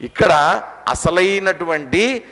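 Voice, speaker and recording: Man, spiritual teacher, slow unhurried delivery, rhetorical questions, long hall reverb. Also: sits high, animated, fairly bright tone. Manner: explains pronunciation, asks the audience rhetorical questions. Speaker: Gita discourse teacher. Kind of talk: spiritual discourse with slow scripture chanting.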